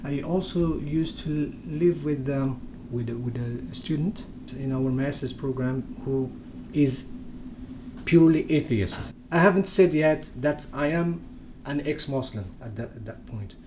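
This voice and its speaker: Speaking in a relaxed interview, a young Berber-speaking Moroccan uses English haltingly, full of fillers and restarts. His medium-pitched voice is somewhat mellow and a touch slow, with a little background noise.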